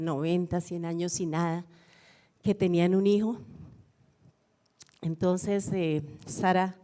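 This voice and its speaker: Warm-voiced woman pastor preaching. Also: on the low side. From Colombia. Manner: storytelling, reflective, repeats phrases for emphasis. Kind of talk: sermon.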